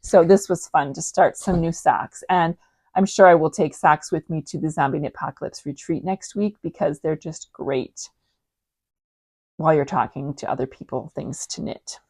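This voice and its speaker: A woman's voice: low-pitched, normal speed, darkish tone, breathy edge, no echo. A woman in her forties hosting a knitting podcast, chatting casually with frequent ums and restarts. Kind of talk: casual show-and-tell chat.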